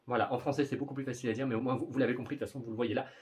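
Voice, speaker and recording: A man's voice: medium pitch, fairly even intonation, rapid-fire, a little mellow. A young man chatting casually in a vlog about upcoming manga, rambling and often stumbling over his words. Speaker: manga YouTuber.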